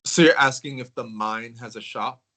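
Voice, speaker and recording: A man chatting casually as a crystal collector, with a mid-range voice. He rambles in a relaxed way, trailing off and circling back with plenty of ums. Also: mid-range voice, normal speed, rough recording. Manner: relaxed, rambling, with filler words. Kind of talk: casual conversation.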